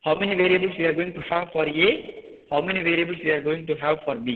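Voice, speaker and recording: A man's voice: a little high, steady tone, very fast. A male lecturer with a Tamil Indian accent, heard through a thin, phone-like connection with long hollow reverb. He is a native Tamil speaker who explains step by step, repeating himself and checking in with students. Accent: Tamil Nadu, Indian. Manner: repetitive, explanatory, switching between Tamil and English. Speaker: engineering lecturer teaching an online class. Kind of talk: live lecture with frequent check-in questions.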